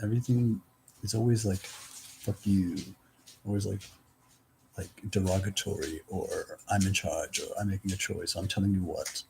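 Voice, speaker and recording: A man's voice: deep voice, steady tone, normal speed, vocal fry, background noise. A man talking in a loose, meandering casual monologue, full of fillers and little quoted exchanges.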